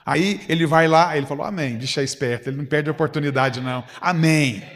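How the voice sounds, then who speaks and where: A man preaching with a Goiás Brazilian Portuguese accent, his voice sitting a touch high for a man. He talks to his listeners conversationally, acts out short exchanges and keeps asking them questions. A long reverb trails behind him, as in a large church hall. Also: quick pace, a bit bright. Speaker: pastor. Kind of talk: sermon at a leaders' retreat.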